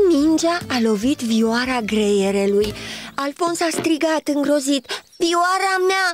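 A woman narrating a children's storybook with an animated, storytelling lilt. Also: fairly high pitch.

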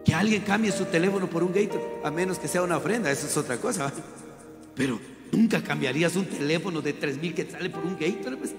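A man preaching a sermon, lively and emphatic, calling his listeners brother. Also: a little high, quick pace, roomy sound, big-room sound, music in the background.

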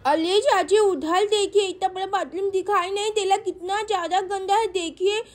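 A woman's voice: extremely high pitch, steady tone, moderate pace. Woman voicing a fussy demanding little girl. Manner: complaining, insistent.

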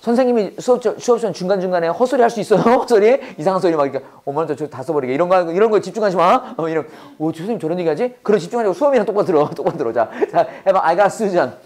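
A man's voice: high-pitched, lively intonation, racing, hardly any pauses, a little mellow. A Korean-speaking man teaching a Bible-based English lesson to a class. He drills phrases with call-and-response and laughs often.

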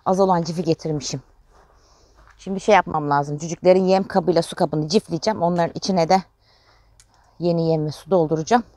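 A woman's voice: fairly low pitch, fairly even intonation, a little fast, long pauses, mellow, dry recording. A middle-aged woman from Turkey chatting casually through a home vlog and cooing affectionately to her chickens in the garden. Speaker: vlogger mother.

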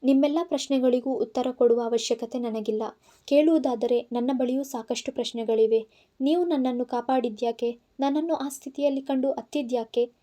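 Storybook young woman assistant, quick and pleading, mellow high voice, read by a woman. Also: steady tone, lightly acted. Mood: defiant. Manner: rapid pleading speech. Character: young woman assistant, anxious then defiant.

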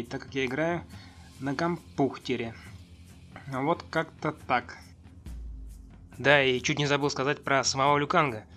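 A man's voice: medium pitch, fairly bright tone. A man giving casual, rambling and hesitant commentary as he reviews a video game. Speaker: gaming video host.

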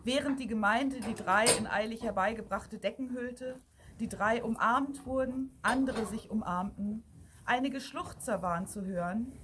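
A woman with a somewhat high voice narrates a fairy tale aloud, bringing the scenes to life with lively, expressive pacing. Her reading sounds like a storyteller sharing a tale with listeners. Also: background noise. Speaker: audiobook reader.

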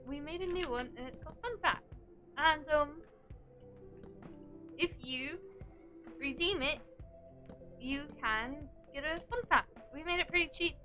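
A woman's voice: sits high, a little slow, long pauses, pushed and bright, faint music behind. A young woman livestreaming in a casual chat, playfully teasing her viewers and giggling often.

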